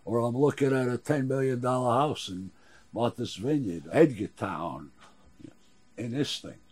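A man in his sixties with a husky voice, chatting casually in a gruff, wry, halting way. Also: mid-range voice, animated, darkish tone. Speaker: boat builder and owner being interviewed. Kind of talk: casual chat. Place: small wooden sailboat cabin.

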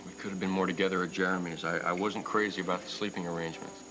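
A man playing a soft-spoken young husband. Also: sits low, fairly even intonation, racing, noisy background, lightly acted. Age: young adult. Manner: soft, tender, hesitant. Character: earnest young husband reassuring his wife. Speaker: soap opera character Trucker. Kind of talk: 1990s TV soap acting. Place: indoor studio set, dining room. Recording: soap soundtrack with music underneath.

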